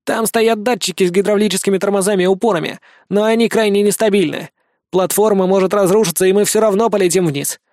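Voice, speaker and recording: A calm young tech expert who explains things in a steady way, as an audiobook narrator reads him. The voice stays fairly high and close to the reader's own. The sound is dry, with no room. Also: male voice, fast talker, no echo.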